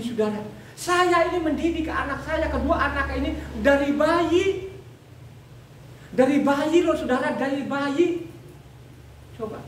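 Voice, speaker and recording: A woman with a high voice preaches a sermon in a repetitive, conversational way, often calling out to the congregation as "saudara". The room is echoey, the mic is far off, and there's slight background noise.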